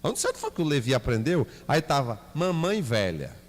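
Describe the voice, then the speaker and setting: A man's voice: a little high, normal speed. A man with a Bahian Portuguese accent teaching a Bible class, asking the class questions and acting out little scenes. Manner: lively, asks the class questions, acts out scenes with his son. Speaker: church teacher. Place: church hall. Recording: reverberant church hall.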